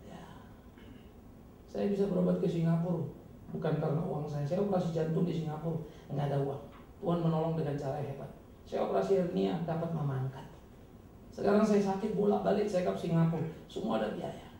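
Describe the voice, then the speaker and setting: High-voiced man preaching in an echoey hall. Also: brisk, vocal fry. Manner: emphatic, dramatic preaching with sudden loud high bursts. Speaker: pastor. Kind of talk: sermon. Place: church hall. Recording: echoey hall, distant mic, faint noise.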